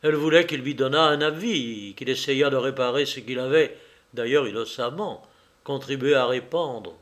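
A man narrating a novel in a measured, literary reading style. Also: medium pitch, a bit bright.

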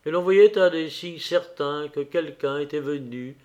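A man narrating a classic story as an audiobook in a measured, expressive way. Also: on the high side.

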